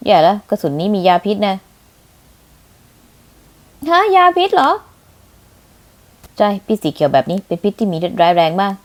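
A woman voice actor reading the male lines of a manga fan dub in an even, plain way. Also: lowish voice, racing, hardly any pauses.

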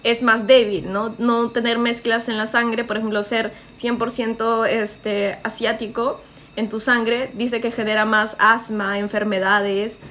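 A woman's voice: on the high side, level tone, unhurried, a bit bright, slight background noise. A young woman with a Peruvian accent chatting on a livestream, reading out comments and joking. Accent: Peruvian Spanish. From Peru. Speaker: streamer.

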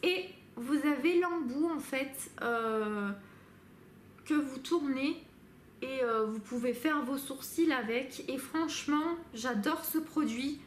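A woman's voice: high-pitched, slow pace, a little hiss or hum. A woman beauty vlogger casually reviewing her favourite products, talking with many fillers and restarts. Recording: echoey room with faint ambience.

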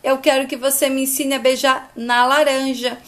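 A woman voicing a loud, bossy salon owner who scolds her clients. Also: high voice, flat delivery, normal speed. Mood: brassy. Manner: loud, scolding, calling everyone "bem".

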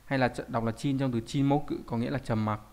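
A man's voice: medium pitch, steady tone, fast talker, darkish tone. Man teaching kanji. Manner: explains patiently, often asks rhetorical check questions. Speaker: Japanese language teacher. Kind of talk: recorded online lesson.

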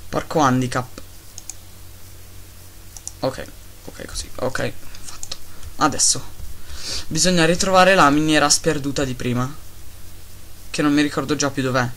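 A man giving casual, excitable gameplay commentary, talking to his pets and grumbling at lag. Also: on the high side, a little slow, pauses often, a little hiss or hum. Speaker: Minecraft let's-player.

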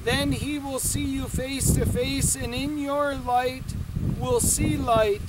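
A middle-aged man leads a solemn graveside service as priest, reading prayers aloud in a measured, formal liturgical way. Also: extremely high pitch, fairly even intonation. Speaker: priest leading a graveside committal. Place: outdoors in a snowy open cemetery. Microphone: far camera microphone. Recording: distant camera mic, loud wind noise. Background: loud wind noise.

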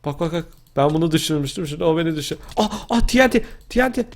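A young man casually commentating his own Minecraft gameplay, talking to himself and yelping and shouting as the action heats up. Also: a little high, fast. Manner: excitable, talks to himself, yelps and shouts mid-game. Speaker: gaming video host.

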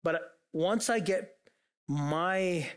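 A man's voice: high voice, extremely slow, clean tone. A man preaching a sermon as pastor, earnest and full of rhetorical questions put to the congregation. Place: church.

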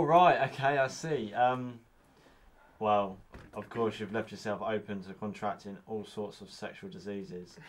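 A man plays a patient youth counsellor who gives advice calmly and pauses on frequent ums. His voice sits a little low. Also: a little hiss or hum, natural voice.

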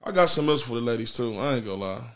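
Racing along in an animated, mid-range, fairly bright voice, an American man in his thirties trades casual, profane, repetitive slangy banter while hosting a comedy livestream. He sits in an indoor studio before a printed backdrop.

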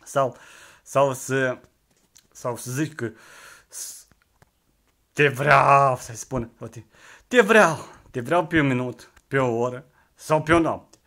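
A man's voice: mid-range voice, fairly even intonation, pauses often, fairly bright tone. A man in his twenties who jokes about himself in a rambling, hesitant monologue full of restarts. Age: 20s. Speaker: vlogger. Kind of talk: joking monologue to camera.

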